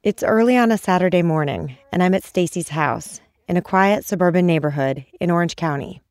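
A woman hosting a podcast, narrating from a script in a measured, calm way. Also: on the low side, dry recording. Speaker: podcast host.

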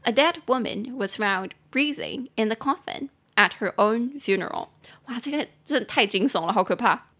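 Young Taiwanese woman, podcast English teacher, bright chatty delivery, fairly high pitch, laughs a lot. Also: expressive. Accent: Taiwanese Mandarin. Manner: chatty, laughs often, slows down to spell and repeat English words. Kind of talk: casual spoken English lesson.

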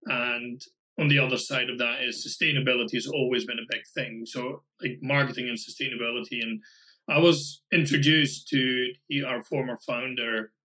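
A man with a Scottish accent chats as a guest on a podcast, talking loosely with plenty of "um"s and restarts. His voice sounds bright and forceful. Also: medium pitch, fairly even intonation, moderate pace, low-quality recording. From Scotland. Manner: chatty, many fillers and restarts. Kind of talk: casual podcast interview.

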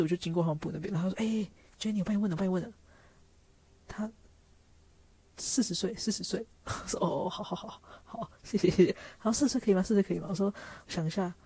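Fast-talking chatty woman from Taiwan. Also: mid-range voice, warm tone, no room sound. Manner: chatty, laughs often, acts out others' lines. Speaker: vlogger. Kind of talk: casual storytelling chat.

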